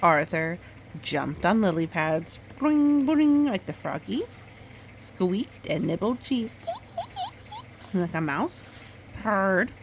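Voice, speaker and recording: A woman with a mid-range voice reads a children's story in storytime style, with a little hiss or hum audible. Her delivery is expressive, and she breaks off for casual asides about the illustrations.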